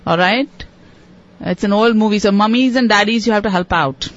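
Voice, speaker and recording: A woman hosting a radio call-in quiz in a smooth on-air host manner, friendly and patiently encouraging callers. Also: mid-range voice, normal speed. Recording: muffled radio broadcast audio, faint hiss.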